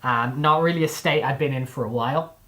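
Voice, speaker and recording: A man's voice: medium pitch, brisk, fairly bright tone. A young man with a mixed, displaced accent, chatting casually on a live stream, rambling with many fillers and restarts.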